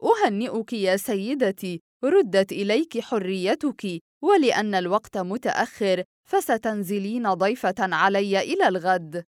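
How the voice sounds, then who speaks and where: Woman reading a polite young army guy, calm and measured, dry sound. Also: medium pitch, dry recording, close to an everyday voice. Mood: courteous. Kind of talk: audiobook reading.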